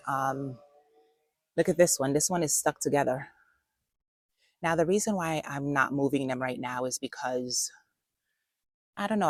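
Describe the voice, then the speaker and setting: A woman's voice: low voice, no echo, clean studio sound. A woman hosting a casual gardening vlog, chatting directly to viewers with frequent fillers. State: out of breath. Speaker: gardening channel host.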